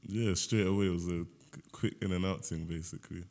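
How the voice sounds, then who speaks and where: A man's voice: sits low, steady tone, a little fast, a little mellow. A man, a guest on a casual podcast chat, giving easygoing, laid-back replies. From Sierra Leone. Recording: roomy long reverb.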